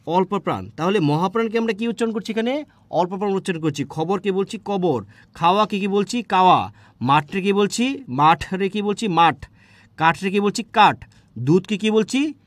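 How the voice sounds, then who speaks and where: A man with a Bangladeshi Bengali accent teaches a grammar lesson in a fairly high voice. He keeps firing questions at his students and answering them himself, and he trails off into soft fillers while he thinks. The sound is close and dry, with no room echo. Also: lively intonation, fairly quick. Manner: quizzes students with rhetorical questions; fillers and restarts, drops softer when thinking. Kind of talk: exam prep lecture.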